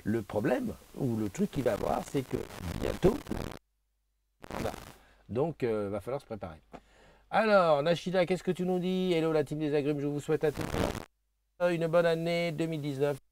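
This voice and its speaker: A man's voice: fairly high pitch, normal speed, noisy background. A man hosting a casual live stream, chatting loosely with many fillers and restarts as he reads viewer comments aloud into a new desk microphone. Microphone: new desk microphone being tested.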